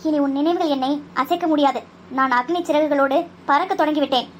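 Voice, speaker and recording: A fierce young woman doctor in a cartoon, voiced by a woman, with a high, bright voice. She scolds and declaims with fiery intensity. Her lines carry strong moral anger. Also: a little fast, slight background noise, close to an everyday voice. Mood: grand declaiming. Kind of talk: cartoon voice acting.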